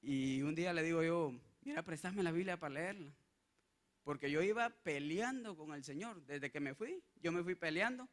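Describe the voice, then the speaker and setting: A young Guatemalan man giving an earnest testimony sermon, halting often with restarts and fillers. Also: on the high side, expressive. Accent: Guatemalan Spanish. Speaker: lay preacher.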